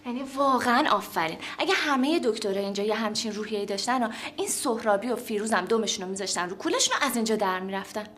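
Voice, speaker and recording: A woman's voice: fairly high pitch, expressive, hardly any pauses, a bit bright, a little hiss or hum. An actress playing a chatty woman doctor who gossips and needles her friend.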